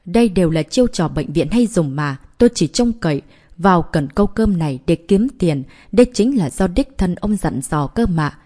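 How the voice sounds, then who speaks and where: A woman's voice: lowish voice, animated, moderate pace, warm tone. A woman voicing a thin middle-aged male doctor who pleads and stammers when cornered. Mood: pleading.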